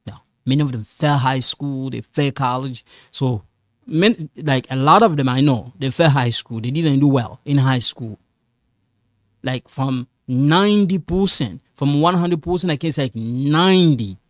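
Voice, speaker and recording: A dry, studio-quality recording of a middle-aged man with medium pitch. A French teacher, he leads a classroom-style language lesson, repeating himself patiently and explaining slowly in non-native English.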